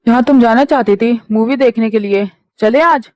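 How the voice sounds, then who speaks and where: A woman's voice: a little high, normal speed, darkish tone, no echo, pitched below the performer's own voice, close to an everyday voice. A woman voicing a teasing young husband who is busy with office work, coaxing his sulking wife in a fan audio drama.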